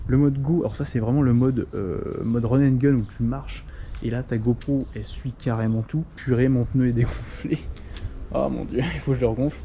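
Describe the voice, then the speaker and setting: With a mellow, medium-pitched voice, a young tech vlogger shows off a gimbal in a small outdoor courtyard, talking casually and rambling with lots of fillers and restarts. There's slight background noise.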